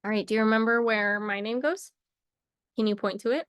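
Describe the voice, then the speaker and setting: A woman's voice: on the high side, brisk, clean tone, dry recording, clean studio sound. A young woman teaching a casual English lesson to camera, chatty and playful, wandering off into little asides.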